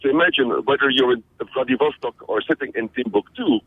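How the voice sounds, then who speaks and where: A man's voice: mid-range voice, fast, breathy edge, dry recording. Middle-aged man from Belgium, interview guest, eager and restarting often, on a phone-quality line. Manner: energetic, many restarts and fillers. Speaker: interview guest, social media trainer. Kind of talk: radio interview answers. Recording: phone-like narrow band audio.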